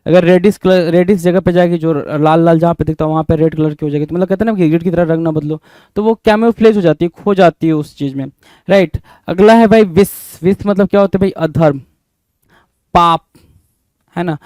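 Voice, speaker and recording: A man's voice: fairly high pitch, a little fast, a little mellow, no room sound. A young man teaching English vocabulary for exams, spelling words out letter by letter and asking and answering his own questions. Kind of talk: exam-prep vocabulary lesson.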